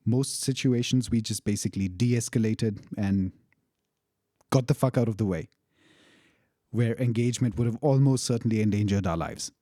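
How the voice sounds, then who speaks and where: A man's voice: fairly low pitch, moderate pace, warm tone, no room sound, studio quality. A young man casually telling a personal story, candid and profane, laughing now and then. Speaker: storyteller recounting a travel experience.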